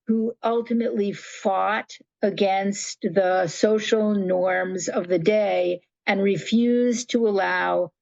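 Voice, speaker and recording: A woman's voice: mid-range voice, vocal fry, dry recording, muffled recording. An older woman telling stories as a guest in a conversational interview, restarting sentences and acting out quotes. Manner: animated storyteller, acts out quotes, restarts often. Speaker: guest, nonprofit founder.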